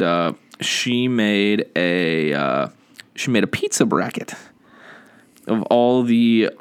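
A man's voice: on the low side, clean tone. A man from the hosting a casual podcast, rambling with many fillers and restarts and laughing often. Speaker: podcast host. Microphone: studio microphone.

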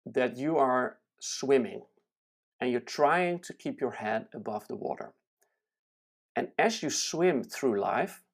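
Brief: unhurried self-help teacher, calm and measured, talks through lists deliberately with pauses. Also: medium pitch. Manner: fillers and small restarts. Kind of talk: slow, deliberate teaching talk.

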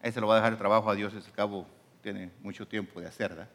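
A man's voice: fairly low pitch, fairly even intonation, rapid-fire, a bit bright. A man preaching as pastor, emphatic, with his voice swinging up and down. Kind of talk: sermon.

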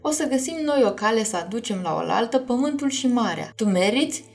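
Prince Eric, gentle and calm, read by a woman. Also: on the high side, creaky. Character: young prince, gentle and protective.

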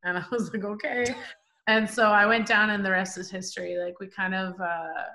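A woman in her forties, a professional boxer from Canada, telling her story in a casual interview, animated and full of fillers. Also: mid-range voice, moderate pace, a little hiss or hum. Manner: animated, chatty, many fillers like "like" and "um". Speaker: professional boxer, podcast guest.

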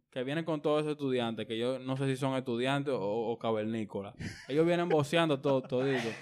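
Emphatic Dominican man ranting. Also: mid-range voice. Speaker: panelist. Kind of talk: casual group chat.

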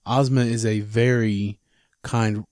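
A man co-hosting a podcast in casual chat, chiming in with quick comments and asides. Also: on the low side, little pitch movement, darkish tone, no room sound, studio quality. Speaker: podcast co-host.

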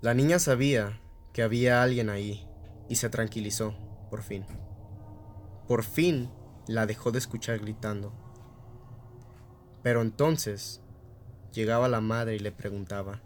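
A man's voice: on the low side, steady tone, unhurried, long pauses, slight background noise. A man hosting a radio show, telling a short spooky story with dramatic repetition and casual fillers.

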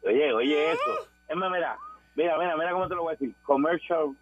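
A man's voice: on the high side, lively intonation, fast, fairly bright tone. A man with a Puerto Rican accent calling a radio show, a truck driver joking around playfully. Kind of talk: casual phone call to radio. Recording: muffled phone line.

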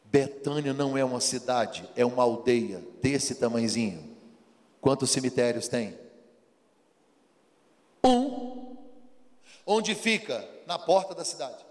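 A man's voice: mid-range voice, animated, slow, long pauses. A man preaching a sermon, acting out dialogue and firing rhetorical questions at the congregation. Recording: long hall reverb.

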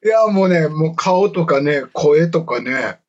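A man with a Kansai accent, co-hosting a podcast in relaxed casual chat and laughing often. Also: on the high side, measured pace, lo-fi sound. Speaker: podcast co-host.

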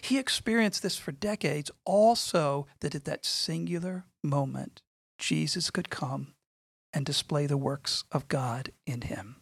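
A middle-aged man speaking earnestly and in a measured way, sharing a personal testimony in conversation. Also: fairly high pitch, vocal fry, husky, no room sound. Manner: earnest, measured, repeats phrases for emphasis. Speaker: guest speaking on faith and suffering.

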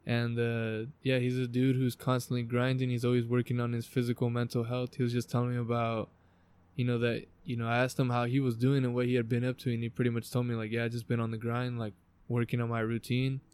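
An American man hosting a motivational podcast from his backyard talks quickly with a completely flat delivery, his medium-pitched voice darkish, clear and resonant. He's informal and emphatic, swearing frequently to motivate.

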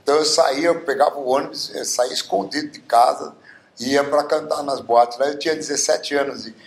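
A man's voice: a little high, fairly even intonation, fairly quick, vocal fry. A man in his seventies from Bauru, Brazil, telling stories as a guest, with many fillers. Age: 70s. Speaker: guest singer. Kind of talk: casual interview storytelling. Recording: roomy echo.

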